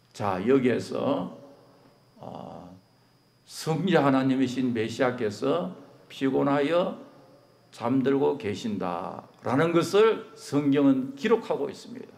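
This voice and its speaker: A man's voice: mid-range voice, animated, measured pace, creaky, a little mellow. A middle-aged man from Korea preaching a sermon, questioning his congregation and rising to emphatic peaks, slipping in English phrases. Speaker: pastor.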